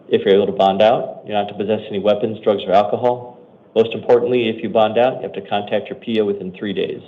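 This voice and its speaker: An American man with a slightly low voice presides as judge over a routine hearing. He delivers procedural courtroom announcements briskly and matter-of-factly. The audio is thin and muffled, like a phone line. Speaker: judge or commissioner at initial appearance hearings.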